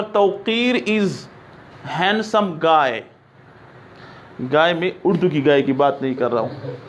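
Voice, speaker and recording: A man teaching an English grammar lesson, reading example sentences slowly and often checking that his students understand. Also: high-pitched, fairly bright tone. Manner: explains in Urdu, reads English examples slowly.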